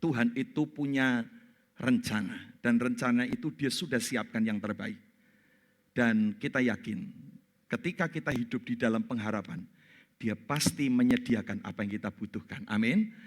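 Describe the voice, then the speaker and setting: A male pastor preaching a sermon in church, telling a story with lively acted-out voices and laughter. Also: mid-range voice, moderate pace. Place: church sanctuary.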